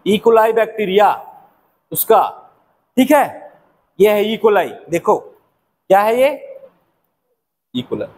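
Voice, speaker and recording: Male biology teacher, very high voice, quizzes the class and answers himself. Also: lively intonation, takes it slowly, pauses often, darkish tone. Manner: asks questions and answers them himself. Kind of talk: classroom-style lecture.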